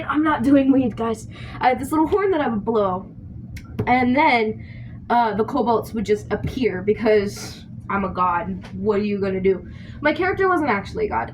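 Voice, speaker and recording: A young woman vlogging in a casual, rambling storytelling style, spacey and scattered, as she talks while washing dishes. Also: on the high side. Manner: spacey, scattered, self-interrupting. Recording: noisy room with dish-washing sounds. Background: scuffling and clatter of dishes.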